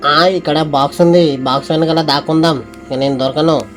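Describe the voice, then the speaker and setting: A man narrating gameplay in an excitable way, with many exclamations. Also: fairly high pitch, fairly quick, faint music behind.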